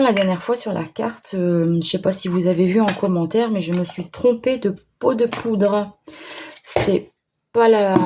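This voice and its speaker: A woman's voice: mid-range voice, noisy background. A woman with a northern French accent demonstrating a craft project in a chatty, hesitant way, with many fillers. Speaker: crafting tutorial host.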